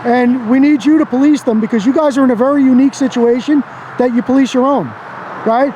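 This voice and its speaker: A man's voice: very high-pitched, fairly even intonation, brisk, mellow, lo-fi sound. An American man in his fifties talking casually and earnestly outdoors as an auditor narrating for his camera. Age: 50s. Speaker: First Amendment auditor and videographer. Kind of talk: casual on-the-street talk and commentary to camera. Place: outdoors beside a busy road. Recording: outdoors with clear road and traffic noise.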